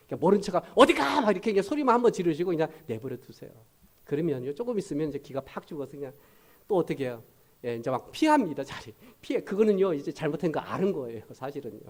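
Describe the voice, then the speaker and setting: A middle-aged man preaching a sermon, his voice sitting high and swinging widely in pitch. He talks to the congregation conversationally and slips into short acted-out asides. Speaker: pastor.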